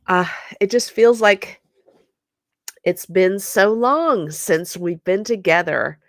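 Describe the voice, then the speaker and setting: A scrapbooking channel host chats casually with her viewers, speaking slowly and unhurriedly in a slightly low voice with a gravelly fry, congested from a cold. She sounds apologetic and uses lots of fillers. The recording is dry and close, with no room echo.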